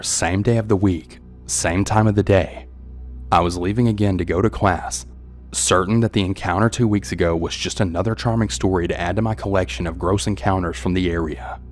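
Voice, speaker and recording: A man narrating a scripted first-person horror story in a tense, steady manner. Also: low voice.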